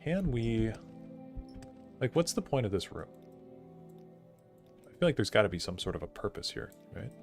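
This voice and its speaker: A man's voice: on the low side, sing-song, normal speed, vocal fry, pauses often, music in the background. A young man streaming a game live, chatting casually and thinking aloud with lots of "like" fillers as he answers chat. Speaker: gaming streamer.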